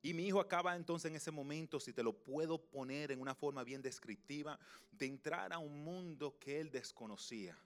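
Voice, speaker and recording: A young man preaching a sermon, telling a personal story and moving between loud passages and hushed, slow ones. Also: a little high. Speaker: pastor.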